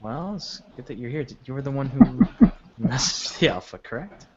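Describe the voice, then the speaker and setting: A man's voice: mid-range voice, animated, moderate pace, over a noisy crowd. A man narrating his character in a tabletop game, rambling with restarts. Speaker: tabletop player. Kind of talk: casual role-play chat. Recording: dull lo-fi sound with faint noise.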